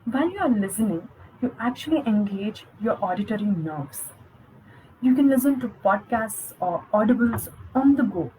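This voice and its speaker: A young woman coaches viewers through a spoken lesson. Her voice sits a little high, and she keeps an instructive, encouraging tone throughout. A faint hum of background noise sits under her speech. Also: lively intonation, normal speed, dark tone, rough recording. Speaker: spoken English skills coach. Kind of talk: online lesson.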